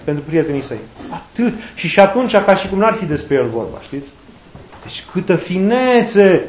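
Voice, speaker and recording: High-voiced man preaching in an echoey room. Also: darkish tone. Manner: conversational, acts out quoted voices with humor. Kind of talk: informal sermon. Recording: echoey room with faint noise.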